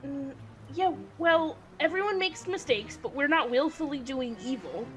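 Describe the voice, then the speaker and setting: A woman's voice: high voice, expressive, moderate pace, fairly bright tone. A woman playing a tabletop game, eagerly thinking aloud with the group. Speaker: player. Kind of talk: tabletop role-play chat.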